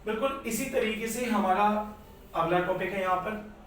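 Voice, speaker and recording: A man's voice: high voice, moderate pace, fairly bright tone, slight background noise. A man teaching a Hindi grammar lesson, explaining step by step and repeating key points, in an echoey room far from the mic. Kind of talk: classroom lecture.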